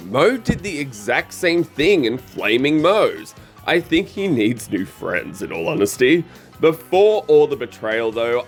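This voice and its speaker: A man hosting a review show, reading scripted narration and opinions. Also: medium pitch. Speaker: host of episode review show.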